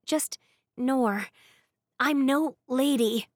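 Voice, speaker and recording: A woman's voice: sits high, extremely slow, no room sound, studio quality, voice pushed up. A woman voicing a blunt, stubborn young heroine who grumbles and snaps. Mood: grumbling. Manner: grumbling, snappish.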